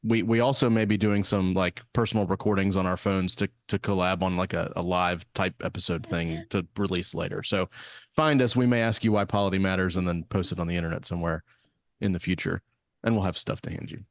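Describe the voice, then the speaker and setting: A man's voice: low-pitched, fairly quick, no echo, clean studio sound. A man hosting a casual podcast chat, friendly and often restarting his words. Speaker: podcast host.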